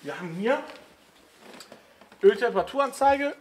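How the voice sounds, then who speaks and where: Male garage vlogger, high-pitched, easygoing chatter, faint noise floor. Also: lively intonation, normal speed, a little mellow. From Italian family background. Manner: chatty, laughs often, frequent "ne?" tag questions. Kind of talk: casual chat.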